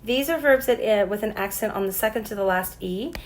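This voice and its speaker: A woman's voice: medium pitch, a little fast, rough recording. A woman teaching a French lesson, explaining patiently, spelling words out letter by letter and sounding out example sentences. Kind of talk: recorded classroom lesson.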